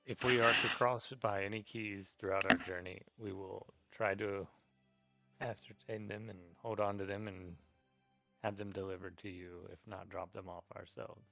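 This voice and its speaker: Gravelly low-voiced man playing a tabletop game. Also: level tone, normal speed, sharp tone. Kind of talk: casual role-play at the table. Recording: dull lo-fi sound with music behind.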